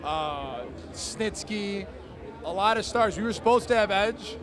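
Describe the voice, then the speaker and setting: An enthusiastic man with a high voice talks casually in an interview as a wrestling announcer. He is recorded among outdoor urban noise, with a busy crowd behind him. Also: lively intonation, measured pace.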